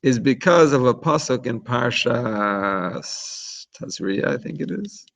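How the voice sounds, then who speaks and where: A man's voice: medium pitch, lively intonation, takes it slowly, vocal fry, fairly bright tone, low-quality recording. A man teaching an informal religious class in a chatty, explanatory way, often restarting his sentences. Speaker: Torah teacher.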